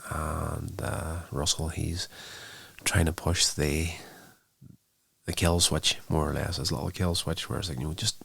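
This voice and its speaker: A man's voice: very deep voice, flat delivery, unhurried, creaky, a bit bright, breathy edge, dry recording. A man hosting his own show, casually retelling a TV episode in a loose, rambling way with many fillers. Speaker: show host reviewing a TV episode. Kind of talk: casual spoken recap.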